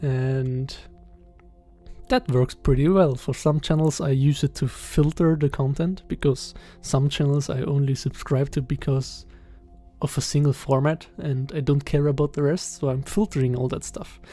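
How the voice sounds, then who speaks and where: A young man in his twenties with a German accent, talking casually in a podcast-style voiceover, hesitant and halting with many fillers and soft chuckles. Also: mid-range voice, steady tone, faint music behind. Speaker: channel host. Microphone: voiceover recorded separately.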